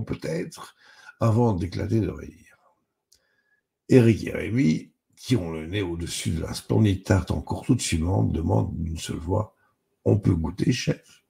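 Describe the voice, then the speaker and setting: A man reading a story aloud with measured, expressive narration. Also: sits low, vocal fry. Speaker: reader.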